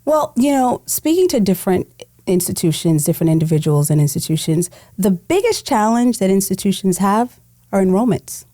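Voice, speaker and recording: A woman's voice: medium pitch, animated, brisk, dark tone, no echo, studio quality. A woman from Guyana talking as a guest in a podcast interview, emphatic and affirming. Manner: emphatic, affirming, repeats words for stress. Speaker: podcast guest, higher education consultant. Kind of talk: conversational interview.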